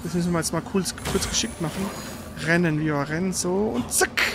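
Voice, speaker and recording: In a casual let's play, a gaming video host teases and bosses around his co-op partner with blunt, slangy exclamations. His mid-range voice is fairly quick with vocal fry, and the recording is very noisy.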